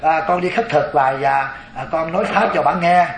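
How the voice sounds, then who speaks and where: A man's voice: on the high side, moderate pace, echoey room, natural voice, poor audio. A man voicing a timid, earnest young novice monk, speaking humbly and flustered. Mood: humble.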